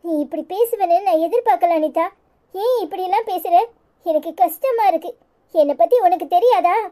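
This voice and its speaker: A woman's voice: extremely high pitch, normal speed, warm tone. A woman voicing a tearful, pleading young woman. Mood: hurt. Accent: Kanyakumari Tamil. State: crying. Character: wronged young village woman Aishwarya, pleading. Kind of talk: cartoon comedy voice acting.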